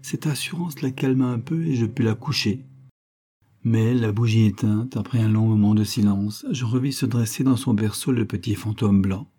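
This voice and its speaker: A man reading a classic novel aloud as scripted literary narration, measured and expressive. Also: lowish voice, breathy edge. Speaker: audiobook reader.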